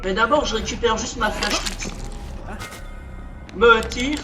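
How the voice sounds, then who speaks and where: Speaking high and slowly, this man jokes around while playing a game, talking to the characters on screen. The audio is echoey from a distant mic, with game music underneath.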